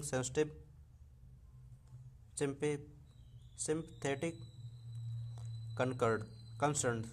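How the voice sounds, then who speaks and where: A young man runs through a vocabulary list for exam students. He reads each word aloud, repeats it and corrects himself as he goes. His voice sits at a middle pitch. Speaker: teacher. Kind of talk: vocabulary lesson.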